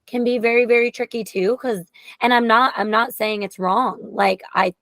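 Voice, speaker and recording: A woman's voice: on the high side, steady tone, moderate pace, a bit bright, dry recording. A woman hosting a podcast, talking openly and emphatically in a heartfelt conversation. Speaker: podcast host.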